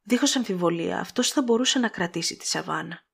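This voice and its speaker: A woman voicing a gentle, timid young woman who speaks softly and anxiously in an audiobook. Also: lowish voice, expressive, creaky, slightly rough, heavily acted. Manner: soft, anxious, hurried.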